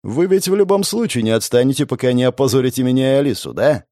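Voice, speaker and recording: A man's voice: medium pitch, lively intonation, quick pace, dark tone, no echo, studio quality, natural voice. A man voicing a young male gamer hero who mocks and threatens his enemies, in a raised, grinning tone. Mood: menacing. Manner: mocking, menacing.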